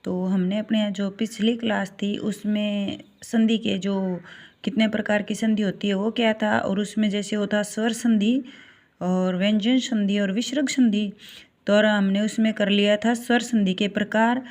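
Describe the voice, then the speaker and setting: A woman's voice: mid-range voice, flat delivery, darkish tone. A woman teaching a Hindi grammar class, spelling out vowel sounds one by one and checking with students as she goes. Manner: slow, repeats "ठीक है" and asks checking questions.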